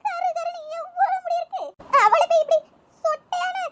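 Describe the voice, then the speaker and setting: A woman voicing chatty village women in an animated cartoon comedy, in a squeaky sped-up tone. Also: moderate pace. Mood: laughing gossip. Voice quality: very high, sped-up chipmunk-like tone. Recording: loud background hiss.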